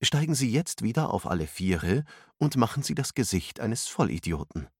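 A man voicing a calm female mentor who gives firm, encouraging instructions, read as part of a storybook narration. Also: lowish voice, normal speed, breathy edge, no echo, clean studio sound, exaggerated voice. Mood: instructive. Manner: instructive, commanding.

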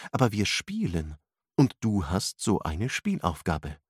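A man voicing a calm female mentor who gives firm, encouraging instructions, read as part of a storybook narration. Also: deep voice, unhurried, breathy edge, no echo, studio quality, heavily acted. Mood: instructive. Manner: instructive, commanding.

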